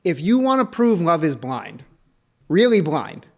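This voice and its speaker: A man's voice: on the high side, sing-song, unhurried, vocal fry, a little mellow. A man co-hosting a podcast in casual chat, teasing his friend with mock-serious jokes. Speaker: podcast co-host.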